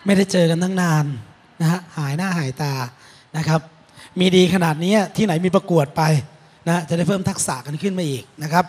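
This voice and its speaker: High-voiced male judge, polite short praise. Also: fairly quick, darkish tone, husky. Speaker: contest judge. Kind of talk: spoken critique of a stage show.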